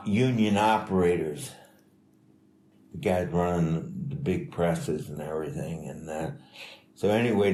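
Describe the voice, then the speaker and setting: An older man telling life stories in a casual, rambling, halting way, as an interviewee. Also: deep voice, dark tone. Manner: rambling, halting, chuckling delivery. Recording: echoey room with faint noise.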